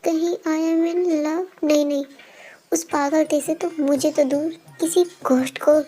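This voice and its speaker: A woman's voice: high-pitched, steady tone, a little slow, warm tone, voice pushed down. Woman voicing a jealous, sulky young man. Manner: muttering to himself, sulky.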